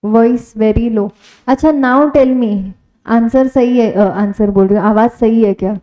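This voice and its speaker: A woman's voice: a little high, fairly even intonation, slow, dark tone, rough recording. A woman teacher with an Indian accent giving a live online lecture, chatting and quizzing her students as she goes. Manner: chatty Hindi-English mix, quizzing students.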